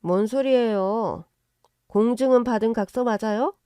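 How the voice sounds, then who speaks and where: A woman's voice: fairly high pitch, measured pace, dark tone, smooth, no echo, clean studio sound, natural voice. A woman voicing a cool, sarcastic creditor who talks dryly. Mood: sharp.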